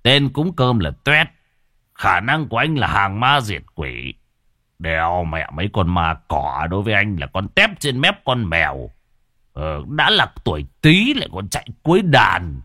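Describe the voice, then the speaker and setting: A man doing a low muttering old sorcerer. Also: big pitch swings, moderate pace, long pauses, bright, forceful tone, no room sound, studio quality, heavily acted. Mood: boastful. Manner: low muttering, then swaggering boasts. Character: scheming boastful old male sorcerer.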